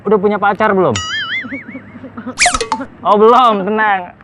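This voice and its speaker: A man's voice: sits high, steady tone, measured pace, highs cut off, over loud music. A man acting in a comedy sketch, cheeky and joking as he flirts.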